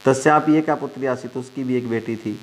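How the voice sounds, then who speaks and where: A man's voice: mid-range voice, fairly quick. Man translating Sanskrit lines for pupils. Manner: reads a line then translates it phrase by phrase; addresses students as dear children. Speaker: Sanskrit teacher. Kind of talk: online class, reading and translating a lesson.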